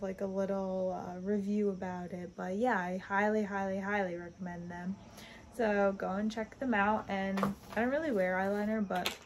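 A woman's voice: mid-range voice, background noise. Chatty young woman reviewing makeup. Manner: chatty, upbeat, lots of fillers. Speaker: beauty vlogger. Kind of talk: casual product review vlog.

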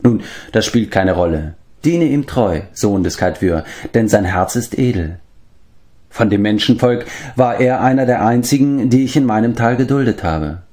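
A man voicing a wise, grave old man who watches over the animals, in a measured, stately storybook manner. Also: medium pitch, lively intonation, darkish tone, lightly acted. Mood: kindly.

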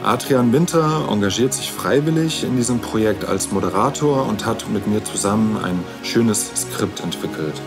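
A man's voice: on the low side, lively intonation, normal speed, few pauses. Man opening a podcast over music. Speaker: podcast host. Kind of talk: scripted podcast intro.

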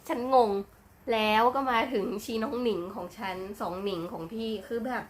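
Excited woman reacting with crude slang. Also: a little high, brisk, slight background noise. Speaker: reaction vlogger. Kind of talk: casual reaction commentary.

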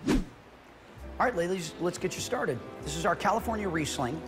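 Middle-aged guy walking folks thru a wine tasting, kinda high voice, lapel mic, music in back. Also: expressive, moderate pace. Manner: friendly, explanatory, guiding a tasting. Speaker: winemaker. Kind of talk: conversational product explanation. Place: winery tasting room, indoors.

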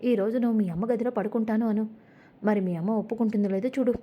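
A woman's voice: fairly high pitch, fairly even intonation, fast, muffled recording, close to an everyday voice. A woman voicing a scheming, manipulative older woman in a retold family serial, talking in a coaxing, needling way.

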